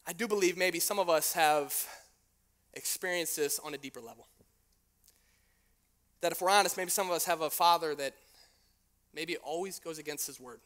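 Young male youth preacher, high and bright, lively slangy storyteller. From United States. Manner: animated storyteller, slangy, swings from hushed to shouting. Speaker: youth pastor.

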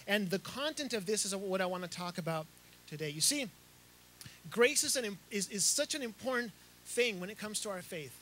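A middle-aged pastor who grew up in Chile preaches outdoors under a tent, holding a handheld mic. His voice sits very high for a man and rings bright and forward. He gestures as he talks, doubling back on words and restarting phrases, with a faint hiss behind him. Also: animated, moderate pace. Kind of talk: sermon. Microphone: handheld microphone.

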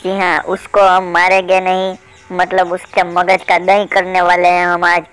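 A man hosts a comedic mobile gameplay commentary, teasing and playful as he fakes politeness toward the opponents he trolls. His voice is smooth and clean. He keeps a light, mischievous running patter throughout. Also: sits high, completely flat delivery, a little slow, fairly bright tone, rough recording. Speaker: gaming channel host.

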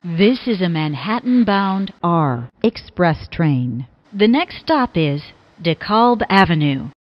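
A woman giving recorded train announcements over a train loudspeaker, with measured, evenly spaced phrasing. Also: lowish voice, very animated. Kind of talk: automated transit announcements. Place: inside a subway car. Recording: muffled train speaker audio.

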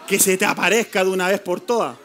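Fiery high-pitched pastor. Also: male voice, fairly even intonation, fast talker, a bit bright, a faint crowd, slight background noise. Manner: fiery, playful preaching with mocking put-on voices. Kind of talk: sermon.

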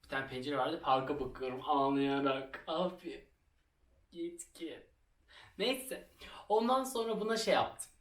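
A young man vlogs while working on a craft project, telling a story from school in a chatty, self-mocking tone and laughing often. His voice is fairly high and a bit bright, with a measured pace. The recording sounds roomy, as if he's somewhat far from the mic.

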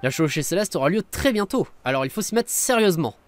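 An earnest, caring young woman from a fantasy video game, read aloud by a man. The reading stays plain and even, with a fairly high voice and a lively melody. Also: quick pace. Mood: urging.

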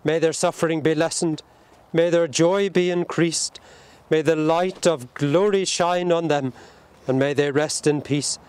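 Solemn, clear-voiced priest at a graveside. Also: male voice, fairly high pitch, steady tone, darkish tone. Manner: solemn, measured recitation. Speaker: priest leading a burial. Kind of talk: liturgical graveside prayer. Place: outdoors at a cemetery grave.

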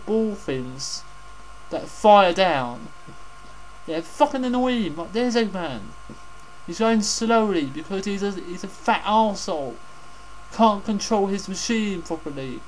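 A man's voice: sits high, a little hiss or hum, low-quality recording. A man hosting casual game commentary, rambling and repeating his phrases, with some swearing. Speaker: gaming host.

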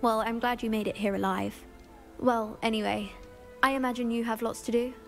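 Highish, gentle young witch student. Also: fairly even intonation, a little fast, creaky, soft background music. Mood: friendly, polite. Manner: polite, gentle. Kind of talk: video game dialogue.

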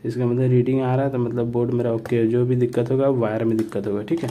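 Guy doing a repair how-to, steady monotone, keeps checking in with viewers. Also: medium pitch, quick pace, a little hiss or hum. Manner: plain explanatory, repeats "ठीक है" and "दोस्तों". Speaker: repair tutorial host. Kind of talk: step-by-step repair tutorial.

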